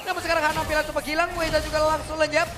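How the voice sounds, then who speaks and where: Fast, very high-pitched male esports caster. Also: crowd noise. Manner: excited, dramatic play-by-play delivery. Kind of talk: esports caster play-by-play commentary of a mobile game match. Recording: music behind the voice. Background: music.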